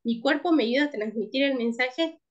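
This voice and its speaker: A woman's voice: high voice, moderate pace, lo-fi sound. A woman teaching a class, checking in with her listeners again and again and restarting words as she goes. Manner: checks in with frequent tag questions; restarts words and repeats herself. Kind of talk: class lecture.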